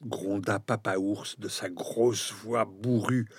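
A man reading a children's fairy tale aloud, very expressive, and now and then speaking straight to his listeners. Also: lowish voice, takes it slowly, husky, no echo. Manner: expressive, addresses listeners directly. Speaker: storyteller.

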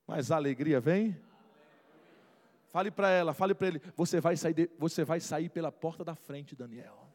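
Fervent high-voiced man preaching in a hall. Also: normal speed. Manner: fervent, swings from hushed to shouting. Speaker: pastor. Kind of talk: preaching sermon. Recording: long hall reverb.

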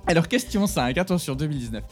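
A man co-hosting a radio chat and quiz, playful and quick to laugh. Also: fairly high pitch, animated, soft background music. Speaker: radio show co-host.

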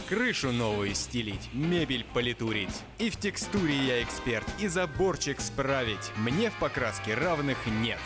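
A man performing a rhymed, jingle-like radio advertisement as a handyman. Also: mid-range voice. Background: loud guitar music.

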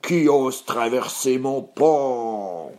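A man voicing a hungry, dim-witted storybook troll with slow, drawn-out growling. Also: medium pitch, lively intonation, mellow. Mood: menacing.

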